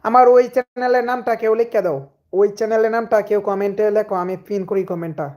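A hoarse young man, chatting casually with viewers on a live stream and greeting commenters by name. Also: sits high, steady tone, fast, muffled recording. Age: young adult.

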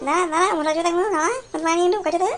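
A man voicing a cheeky, foul-mouthed little boy in a cartoon, shrill and brash, with music behind. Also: fairly even intonation, rapid-fire. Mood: cheeky, taunting.

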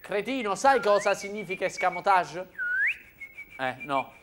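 High-voiced guy in a sketch, slow and fed up, scolding his buddy. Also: expressive, heavy background noise. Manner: exasperated, scolding, dictating slowly. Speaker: comedian. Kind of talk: comic sketch dialogue. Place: TV studio.

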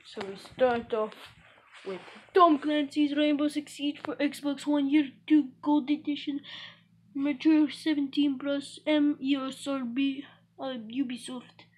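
A woman's voice: high voice, fairly even intonation, a little slow, a little mellow, low-quality recording. A woman hosting a casual gaming vlog, talking in an offhand, jokey way and calling her viewers comrades in a mock Russian voice. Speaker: gaming channel host.

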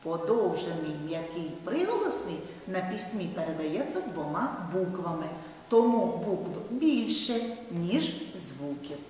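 A woman teaching a video lesson to first graders, talking slowly in a sing-song way and speaking directly to the children. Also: on the low side, sing-song. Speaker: primary school teacher. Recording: roomy hall, far mic, soft music.

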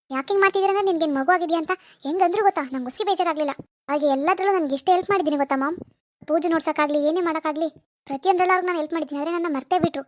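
A woman's voice: extremely high pitch, no echo, clean studio sound. A woman voicing a jealous, whiny cartoon wife. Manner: whiny, sulky and scheming. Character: spiteful, jealous young wife, elder daughter-in-law. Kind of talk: cartoon voice acting.

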